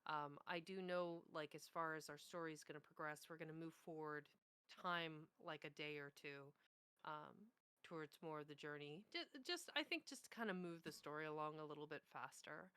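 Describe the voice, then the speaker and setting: A woman's voice: low-pitched, moderate pace, pushed and bright, clear, resonant tone, no echo. A woman chatting casually about a tabletop game session, enthusiastic and laughing often, with many fillers. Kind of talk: casual chat.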